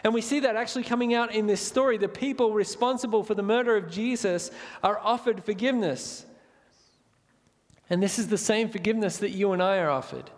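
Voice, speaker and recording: A man preaching a sermon, earnest and reading scripture slowly and gravely. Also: sits high, long reverb tail. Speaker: pastor.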